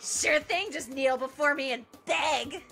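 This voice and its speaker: A woman's voice: high-pitched, a little slow, a bit bright, soft background music. A woman voicing a domineering, sadistic young female killer who mocks and orders others around. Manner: mocking, domineering.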